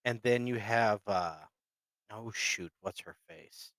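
A man's voice: lowish voice, slow pace, fairly bright tone, no echo. A man co-hosting a podcast, talking casually and rambling a bit. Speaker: podcast co-host. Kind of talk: casual chat.

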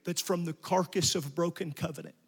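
A middle-aged man, a pastor, preaching an evening sermon, building to shouts with quick asides. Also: on the high side, vocal fry, breathy edge, long reverb tail. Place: church sanctuary.

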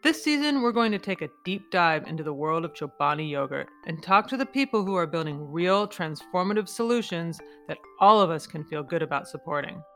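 A woman's voice: on the low side, expressive, brisk, hardly any pauses, a bit bright, faint music behind. A woman narrating a scripted podcast introduction as its host. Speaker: podcast host, advocacy group director.

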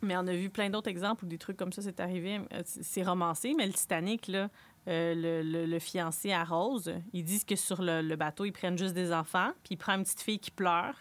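A woman with a Quebec French accent, casually chatting as she retells a film's plot and lively acting out what the characters say. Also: on the low side, fairly quick. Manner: animated storyteller, acts out characters' lines. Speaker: film recapper.

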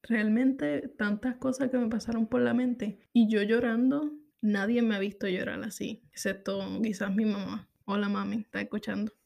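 A woman's voice: mid-range voice, fairly even intonation, normal speed, creaky, hardly any pauses, darkish tone. A woman in her thirties from Puerto Rico with a Puerto Rican Spanish accent, hosting a podcast in a candid, reflective personal monologue. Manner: candid, reflective, repeats phrases. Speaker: podcast host.

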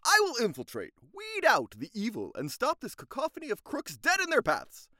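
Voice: mid-range voice, wildly swooping pitch, moderate pace, bright, forceful tone, dry recording, studio quality. An actor playing a vain, dimwitted male space captain hero who talks in pompous, grandiose speeches. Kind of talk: parody radio serial acting.

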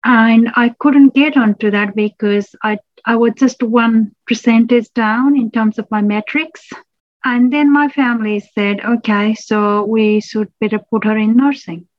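A woman from Nepal, a public health lecturer, telling her personal story in an interview, reflective and pausing with restarts. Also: on the high side, steady tone, no room sound, dull audio.

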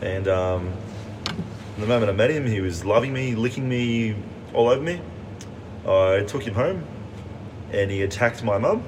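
A man's voice: lowish voice, animated, normal speed, pauses often, background noise. A man chatting casually as a podcast guest, telling stories in a hesitant, wry, understated way.

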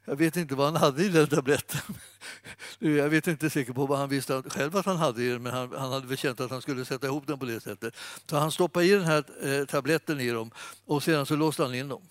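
A man giving an informal sermon, chatty and animated, speaking straight to his listeners. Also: medium pitch, no room sound. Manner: conversational, animated, fillers and restarts, addresses audience. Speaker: preacher.

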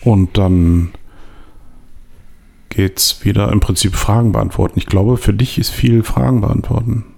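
Gravelly man in rambling casual chat. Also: fairly low pitch, fairly even intonation, unhurried, darkish tone. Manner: rambling, many fillers and restarts. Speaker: photographer and podcast co-host.

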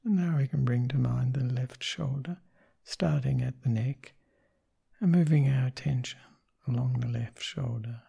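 A man leading a guided meditation in a soft, gentle voice, with unhurried short phrases and pauses between them. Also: mid-range voice, vocal fry, breathy edge. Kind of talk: guided meditation, slow soothing instruction.

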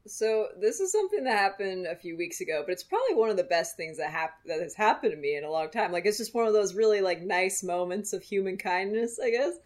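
A woman's voice: mid-range voice, lively intonation, quick pace, few pauses. A young woman from Montana co-hosting a podcast, chatting casually and laughing often. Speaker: podcast co-host. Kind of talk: casual chat.

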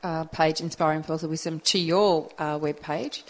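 A woman's voice: deep voice, steady tone, normal speed, low-quality recording. A woman co-hosting a radio talk show, friendly and affirming as she steers the segment. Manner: friendly, affirming, brief interjections.

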